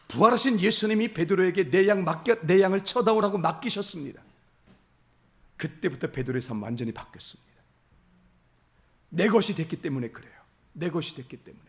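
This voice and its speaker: A man's voice: fairly high pitch, expressive, brisk, long pauses. A man preaching a Sunday sermon as pastor, urging his congregation with impassioned, repetitive exhortation and rising emphasis. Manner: addresses the congregation directly as "everyone".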